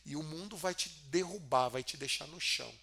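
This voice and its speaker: A male English teacher walks through a film scene line by line, echoing each phrase before he unpacks it. His voice is bright and sits a little high. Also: creaky. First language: Portuguese. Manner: repeats lines then explains slowly. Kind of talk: film-clip language lesson.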